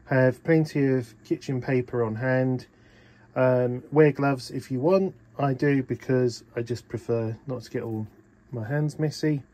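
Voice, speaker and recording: Unhurried and steady, a boat owner with a dark, mid-range voice narrates a casual how-to on changing his engine oil. He uses lots of ums as he chats practically into a phone in one hand in his small cabin.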